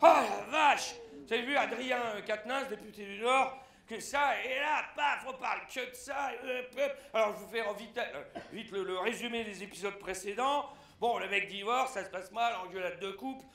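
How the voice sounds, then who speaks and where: A man performing a satirical press review on stage, animated and breaking into shouted punchlines. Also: high-pitched, normal speed, gravelly, roomy sound. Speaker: stand-up satirist. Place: theatre stage.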